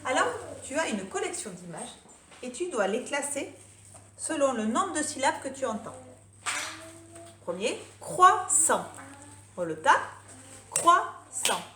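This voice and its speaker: A woman teacher giving a remote lesson to young children, lively and drawing out words slowly, syllable by syllable. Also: high-pitched. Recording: echoey room, faint noise.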